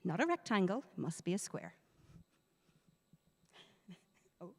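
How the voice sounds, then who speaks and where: A woman with an Irish accent, a teacher giving a lively, chatty presentation to parents in a school hall and laughing easily. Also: lowish voice, measured pace. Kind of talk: interactive presentation. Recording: reverberant hall.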